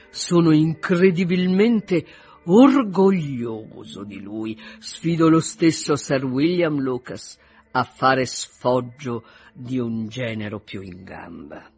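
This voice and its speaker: A man reading aloud, voicing a dry, ironic older gentleman who speaks slowly and sardonically. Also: medium pitch, breathy edge, exaggerated voice.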